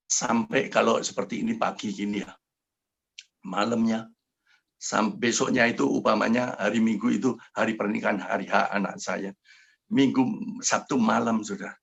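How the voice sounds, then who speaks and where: An older man preaching and telling his own story to a congregation on a video call, fervent and swinging from quiet to loud. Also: fairly low pitch, creaky, slightly rough, dull audio. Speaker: pastor. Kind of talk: sermon with testimony.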